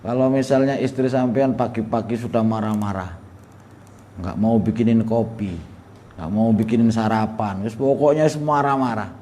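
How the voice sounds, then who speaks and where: A man's voice: on the low side, steady tone, normal speed, mellow, a little hiss or hum. A man giving a humorous religious lesson, chatty and laughing often as he acts out little dialogues. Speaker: religious teacher. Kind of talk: sermon.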